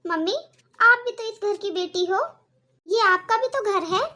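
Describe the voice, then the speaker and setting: A woman's voice: very high voice, measured pace, pushed and bright, exaggerated voice. A woman voicing an outspoken young girl in a cartoon, pleading earnestly with her family. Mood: consoling. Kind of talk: cartoon voice acting.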